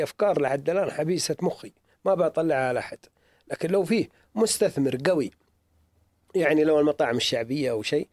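A man's voice: fairly high pitch, a little mellow, no room sound. A middle-aged man with a sore throat, telling stories earnestly in a casual interview as a museum owner. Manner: earnest, storytelling, repeats himself for emphasis.

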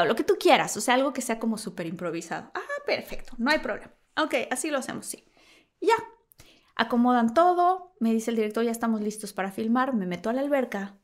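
A woman with a Mexican accent, appearing as a talk show guest, tells a funny story in an animated way, acting out other people's lines and laughing often. Her voice is fairly high-pitched with a fairly bright tone.

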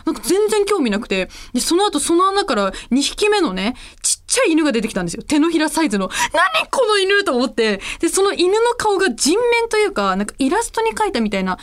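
A woman voice actress hosting a casual solo radio show, telling stories in an animated, chatty way. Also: sits high, fast talker, few pauses.

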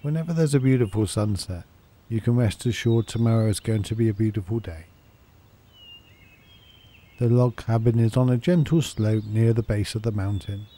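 A man guiding a sleep meditation, talking softly, slowly and soothingly. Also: on the low side. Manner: soft, slow and soothing. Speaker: meditation guide.

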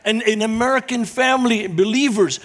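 Guest preacher, higher-pitched man, earnest with jokes. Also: moderate pace, a bit bright. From Lebanon. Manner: humorous, storytelling, earnest. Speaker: guest speaker. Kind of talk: church talk to a congregation.

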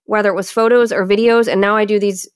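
A woman's voice: medium pitch, fairly even intonation, quick pace, clean tone, no room sound, studio quality. Candid woman with a Great Lakes Michigan accent. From Michigan, United States. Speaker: interviewer. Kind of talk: casual, personal conversation.

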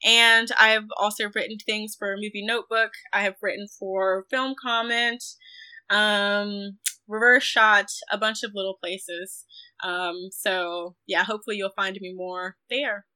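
A mid-range female voice with fairly even intonation, a little slow, sounds pushed and bright, clear and resonant. She is a guest critic in a reflective interview about film, careful and thoughtful, regularly qualifying her points.

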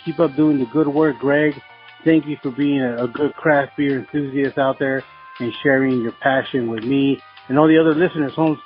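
A man's voice: medium pitch, fairly even intonation, normal speed, faint music behind. A man from the San Fernando Valley leaving a casual voicemail over the phone, laid-back and slangy, calling everyone "homie.". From San Fernando Valley, California. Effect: heard over a phone line as a recorded voicemail. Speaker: podcast listener leaving a voicemail. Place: brewery taproom.

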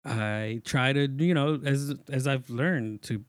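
A man's voice: medium pitch, takes it slowly, no echo. Casual, slangy man telling personal stories. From Mexico. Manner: informal, slangy, quotes himself while telling stories. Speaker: podcast guest. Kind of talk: casual chat and personal storytelling.

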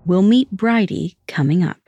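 A woman telling a true story as a podcast narrator, in a measured scripted delivery. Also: on the low side, expressive, dark tone, highs cut off.

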